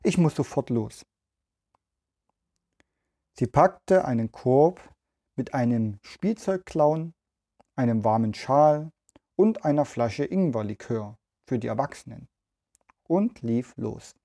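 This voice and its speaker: A man hosting a children's podcast, reading a story aloud in a gentle, even way. He speaks slowly with a mellow, warm tone. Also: mid-range voice.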